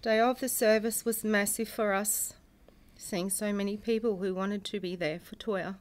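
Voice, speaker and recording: A middle-aged woman, a bereaved mother reading a prepared personal statement in a solemn, measured way, in grief. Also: mid-range voice, fairly even intonation. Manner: solemn, measured delivery in short phrases. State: grieving.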